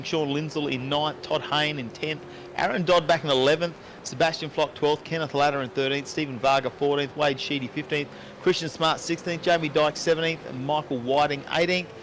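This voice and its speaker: A man hosting live sim racing commentary, chatty and quick to rattle off positions and times. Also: mid-range voice, fairly bright tone, slight background noise.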